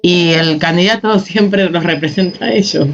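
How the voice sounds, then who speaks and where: A student giving short, quick answers to the teacher in an online class. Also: mid-range voice, a bit bright. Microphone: video call. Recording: muffled call audio, faint noise.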